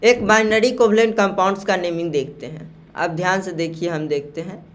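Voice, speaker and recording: Male chemistry teacher, slow and repetitive. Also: high voice, fairly even intonation, fairly bright tone. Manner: repeats key terms slowly, checks understanding with questions. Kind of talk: classroom lecture on naming salts.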